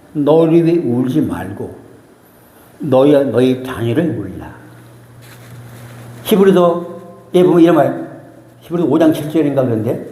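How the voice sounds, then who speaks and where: A man's voice: sits high, a little mellow. A man preaching a sermon as pastor, emotional and emphatic, repeating key phrases. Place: church sanctuary. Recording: roomy church hall reverb.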